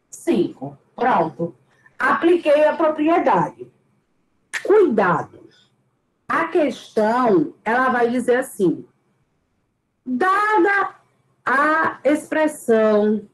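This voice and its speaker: Slow, high-voiced woman teaching math. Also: roomy sound, poor audio. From Brazil. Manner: patient, repeats key points slowly and emphatically. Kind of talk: classroom math lesson.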